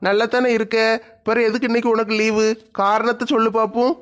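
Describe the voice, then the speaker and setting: A man's voice: very high-pitched, flat delivery, fast talker, muffled recording. A man playing a blunt male coworker who chides and teases. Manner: chiding, teasing.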